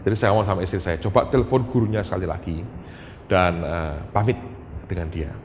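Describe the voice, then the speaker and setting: A middle-aged male pastor, preaching in a lively, conversational way and often turning to the congregation. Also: low voice, a little fast. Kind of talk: sermon with told prayers and anecdotes. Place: church hall. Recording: reverberant hall, faint room noise.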